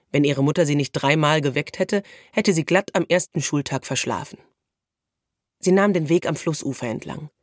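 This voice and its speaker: Woman, storybook narrator, low voice, calm and even, dry close sound. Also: no room sound. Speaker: audiobook narrator.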